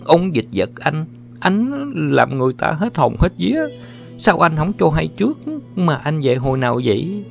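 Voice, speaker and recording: A man's voice: very animated, normal speed, vocal fry. A man voicing a young woman in an audiobook who teases and scolds affectionately. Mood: startled. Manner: high, coaxing and scolding. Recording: muffled with faint music.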